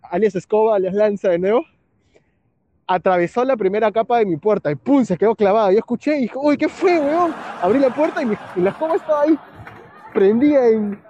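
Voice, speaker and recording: A man with a Peruvian accent chatting casually, slangy and relaxed, laughing at his own stories. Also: high-pitched, quick pace. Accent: Peruvian Spanish. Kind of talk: casual chat. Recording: muffled lo-fi with faint background hiss.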